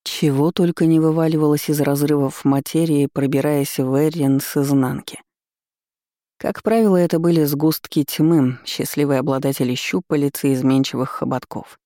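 A man narrating a fantasy novel in an even storytelling manner. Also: on the high side, no echo, studio quality. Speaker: audiobook narrator.

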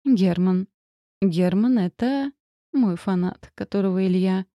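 A woman's voice: mid-range voice, measured pace, dark tone, dry recording, clean studio sound, lightly acted. A woman voicing a gloomy, tense male company director in an audiobook.

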